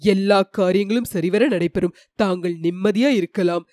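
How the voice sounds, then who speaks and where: A woman voicing a loyal, devout male chief minister in an audiobook of a historical novel, steady and reverent. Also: mid-range voice, moderate pace, no echo, clean studio sound, pitched below the performer's own voice, natural voice. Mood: reassuring.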